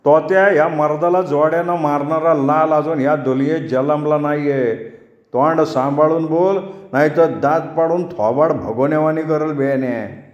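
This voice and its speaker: A man's voice: fairly high pitch, fairly even intonation, measured pace, dull audio, lightly acted. A man playing a proud hot-tempered landlord. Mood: angry boasting. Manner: boastful, threatening. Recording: roomy echo.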